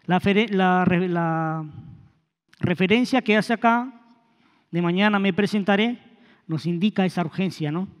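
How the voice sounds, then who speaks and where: A man's voice: sits high, unhurried, pauses often. A man preaching a sermon in a conversational way, with hesitant restarts and rhetorical questions. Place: church hall. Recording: long hall reverb.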